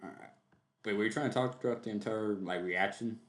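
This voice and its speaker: Swearing low-voiced streamer man, echoey. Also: brisk. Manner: swears freely, loose and joking. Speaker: streamer hosting a reaction show. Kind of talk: casual livestream reaction chat. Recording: echoey room.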